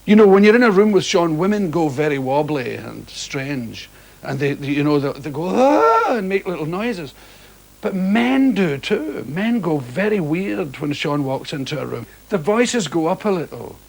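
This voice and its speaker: Lively Scottish-born man telling stories. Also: fairly high pitch, normal speed, vocal fry. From Scotland. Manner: animated storyteller, imitates noises. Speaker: interviewee. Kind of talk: anecdotal interview.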